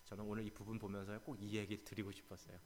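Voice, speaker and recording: A man's voice: lowish voice, fast. A male pastor preaching an early-morning sermon, telling the story with feeling and acting out the voices in it. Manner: animated, acts out quotes dramatically.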